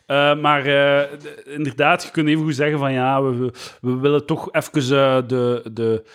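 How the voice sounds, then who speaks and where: A man's voice: mid-range voice, flat delivery, normal speed, a bit bright, smooth. A young Flemish man co-hosting a podcast in casual chat, rambling with many fillers and restarts. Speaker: podcast co-host.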